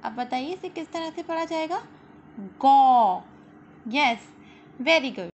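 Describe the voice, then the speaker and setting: A high-pitched woman teacher speaks slowly and patiently to young children, drawing out each sound for them to repeat. The audio is a little dull and lo-fi, with a faint hiss underneath. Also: fairly bright tone. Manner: slow patient explaining, drawn-out sounds repeated; frequent "ठीक है" and "very good" checks. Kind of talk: children's Hindi lesson.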